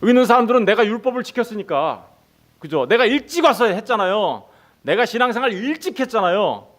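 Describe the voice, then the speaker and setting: Pastor guy preaching, fairly high voice that swings up and down a lot, keeps checking in with questions. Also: lively intonation, fast talker, a bit bright. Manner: keeps asking the congregation rhetorical questions; acts out the workers' lines in quoted voices. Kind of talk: sermon.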